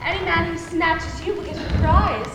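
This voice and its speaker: A woman's voice: extremely high pitch, moderate pace. A woman playing a gushing young society lady in a stage musical comedy. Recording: echoey hall, clear background noise.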